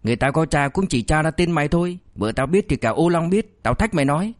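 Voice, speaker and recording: A man voicing a fat, shameless buddy who whines and begs in a voice pitched a little above his usual tone. He wheedles and makes excuses, cheeky even when cornered, in a dry, close recording. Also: quick pace, no room sound, lightly acted. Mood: cheeky defiant. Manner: whining, pleading, cheeky. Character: fat cowardly male buddy, whiny and shameless.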